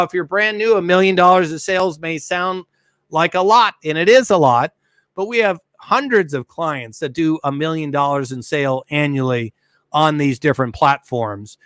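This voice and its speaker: A middle-aged man leads an online business seminar, leaning on important words and repeating them for emphasis. His voice sits a little high for a man. The sound is dry and close, with no room in it. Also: a bit bright, no echo. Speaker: seminar presenter. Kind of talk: webinar business lesson.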